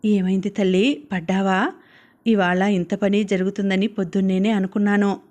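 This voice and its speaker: A gentle, worn-out village mother, as a woman reads her lines, soft and pleading. The voice sits in a middling pitch and barely rises or falls. It sounds like an audiobook scene. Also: little pitch movement, moderate pace, lightly acted. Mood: tender.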